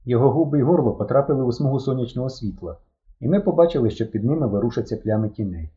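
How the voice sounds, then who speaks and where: Expressive male storyteller, muffled recording. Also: mid-range voice, racing. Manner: lively, expressive reading with voiced characters. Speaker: audiobook narrator. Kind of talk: storytelling narration in first person.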